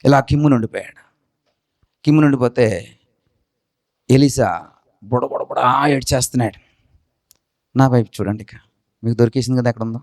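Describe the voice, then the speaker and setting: A man preaching a sermon from India with a Telugu accent, swinging between excited high retelling and quiet low asides. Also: quick pace, long pauses, dry recording. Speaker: pastor.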